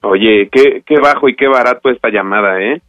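A man on a phone call, defensive and pleading for calm. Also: medium pitch, moderate pace. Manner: defensive, trying to calm her. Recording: dull phone line.

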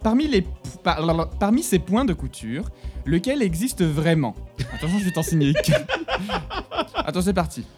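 A man co-hosting a radio chat and quiz, playful and quick to laugh. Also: sits high, wildly swooping pitch, over music. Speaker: radio show co-host.

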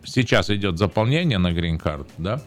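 A man's voice: sits low, animated, moderate pace. A man co-hosting a casual radio talk show, teasing and sarcastic as he asks listeners to call in. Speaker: radio host.

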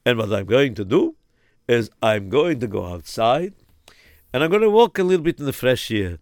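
A man voicing a pious, excitable middle-aged man who stammers and exclaims. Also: mid-range voice, moderate pace, dry recording, studio quality. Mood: weary.

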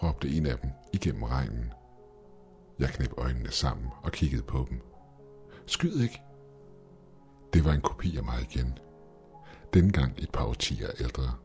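Deep deep voice guy reading a creepy story, cold tone, soft music behind. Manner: cold, grim. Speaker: narrator. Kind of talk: scripted horror narration. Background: faint music.

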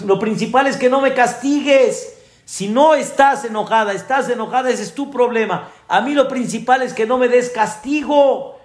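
A man doing a whiny pleading little boy. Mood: pleading whine. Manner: high pleading whine, rushed. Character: whiny little boy begging off his punishment. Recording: echoey room.

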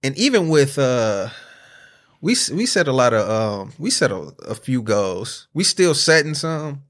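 A young American man chatting casually in slang, haltingly repeating himself as he works through his thoughts. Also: mid-range voice, very animated, a bit bright. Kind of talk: casual chat.

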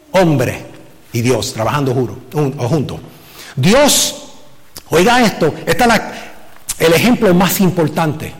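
A man preaching a sermon as pastor, animated and full of rhetorical questions, mixing in English filler words. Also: fairly high pitch, in a large hall. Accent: Puerto Rican Spanish from the US Northeast. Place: church sanctuary.

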